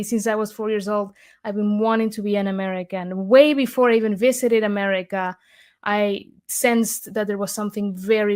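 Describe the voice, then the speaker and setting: Her voice is mid-range, clear and resonant: a young woman from Argentina being interviewed in conversation. Heartfelt and sincere, she often restarts and leans on fillers.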